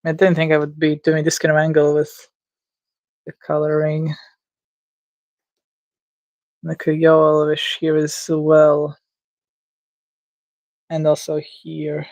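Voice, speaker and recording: Streamer, mid-pitched, dry close sound, casual thinking-aloud commentary, unsure and self-mocking. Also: monotone, slow pace, pauses often, darkish tone, no echo. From Latvia. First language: Latvian. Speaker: livestreamer. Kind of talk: casual commentary while drawing live.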